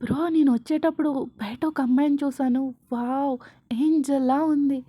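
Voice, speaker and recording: A woman's voice: high-pitched, steady tone, normal speed, mellow, no echo, clean studio sound, natural voice. A woman voicing a young man who teases his friend in a read-aloud story. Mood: teasing. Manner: playful teasing.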